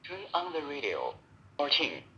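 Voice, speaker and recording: A man's very sharp, bright voice comes over a walkie-talkie, with big pitch swings. It gives short device announcements through a small muffled speaker. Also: wildly swooping pitch, moderate pace. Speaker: radio's built-in voice prompt. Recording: muffled small radio speaker, faint noise.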